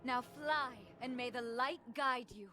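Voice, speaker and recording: A woman's voice: high voice, a little slow, bright, forceful tone. A woman playing a solemn, kindly mentor to a young wizard in a fantasy game, formal and dramatic. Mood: urgent, ominous. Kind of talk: scripted fantasy game dialogue.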